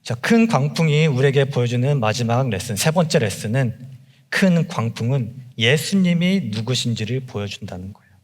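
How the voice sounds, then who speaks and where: Young male junior pastor, sermon delivery, swings from impassioned outcries to hushed lows, mid-range voice, long church reverb. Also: animated, normal speed. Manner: emphatic preaching, rising to impassioned cries then dropping low. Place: church sanctuary.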